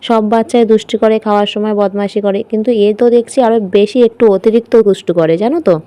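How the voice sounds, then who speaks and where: A woman's voice: medium pitch, steady tone, fast, mellow, smooth. A woman, a vlogger chatting through her daily routine in a casual voice-over.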